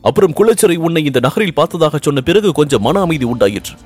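An ardent young prince, anxious and lovesick, pleading earnestly, as a male storyteller puts him on. His voice climbs well above the reader's own and comes out louder and more urgent. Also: fairly high pitch, sing-song, fast, slightly rough, faint music behind, voice pushed up. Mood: yearning. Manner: earnest, pleading, rising with emotion.

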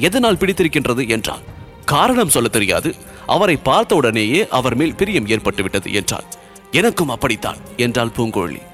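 A man reading a historical novel aloud as an audiobook narrator, voicing the dialogue with lively storytelling and dropping low and soft on the speech tags.

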